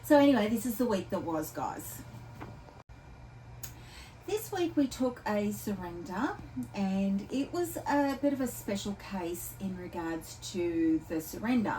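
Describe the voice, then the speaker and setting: A woman's voice: mid-range voice, lively intonation, measured pace, dark tone. A chatty Australian woman talks through a casual weekly shelter update, rambling along with ums and restarts. She sits some way off from the camera, so her voice sounds a little distant. A faint hum of background ambience runs underneath. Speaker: animal shelter worker.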